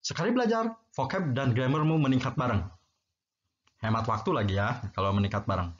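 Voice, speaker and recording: A man's voice: mid-range voice, lively intonation. A man giving a casual language lesson, explaining patiently and checking in with his listeners. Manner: explains slowly, checks in with "ya" and "gitu ya". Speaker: English teacher. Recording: dull lo-fi recording.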